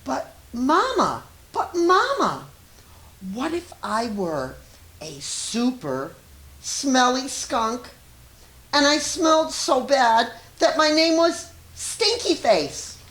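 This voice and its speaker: A woman's voice: high voice, very animated, slow pace, fairly bright tone, pitched above the performer's own voice, full character voice. A woman voicing an imaginative, insistent little boy questioning his mother in a storybook read-aloud. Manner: pleading, exaggerated questioning. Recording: roomy echo with faint hiss.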